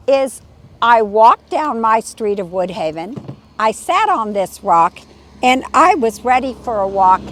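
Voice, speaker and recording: A Californian real estate agent gives a casual, friendly walking tour of a lakeside community, telling stories along an outdoor golf course trail by the lake. Her voice is on the high side and fairly bright, her manner chatty.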